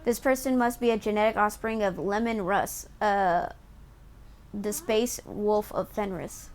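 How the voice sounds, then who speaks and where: A woman's voice: medium pitch, fairly even intonation, a little slow. A woman game streamer reading on-screen story text aloud and chatting in an amused way as she explains it. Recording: faint background noise.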